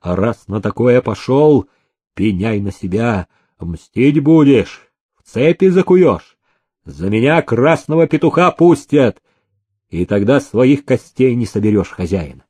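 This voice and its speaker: A man reading an audiobook voices a bold bearded serf who speaks in a steady, booming, commanding voice. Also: takes it slowly, husky. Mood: defiant. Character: bold bearded young serf, fearless and stern.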